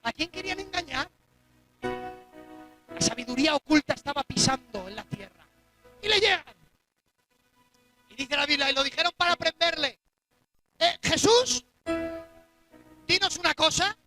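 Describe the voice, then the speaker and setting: A preacher delivers a dramatic sermon in a church, his voice pitched high. He punches some lines out at full force and drops others to a near-hush. Music plays clearly behind him. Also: lively intonation, normal speed, long pauses. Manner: emphatic, dramatic, swings between loud exclamations and hushed asides.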